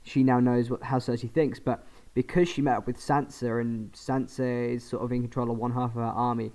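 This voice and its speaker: A man co-hosting a podcast in a casual chat, animated, acting out quotes, sometimes trailing off quietly. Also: medium pitch, fairly quick. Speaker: podcast co-host.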